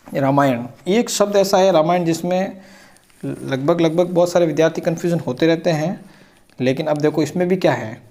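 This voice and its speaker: Blackboard grammar teacher. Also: male voice, fairly high pitch, darkish tone. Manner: repetitive, checks in with "ठीक है ना"; drawn-out spelling of sounds.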